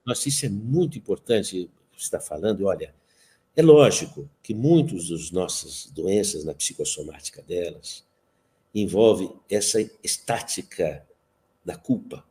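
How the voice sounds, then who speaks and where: A man's voice: low-pitched, lively intonation, unhurried, dark tone. A man hosting a talk, eagerly agreeing and speaking to the audience. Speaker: host. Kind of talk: interview talk show.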